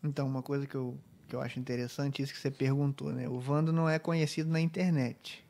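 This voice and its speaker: A man's voice: mid-range voice, level tone, fast talker, creaky, a little mellow. A man co-hosting a podcast who chimes in with short remarks that frame the guest's story. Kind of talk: casual podcast interview.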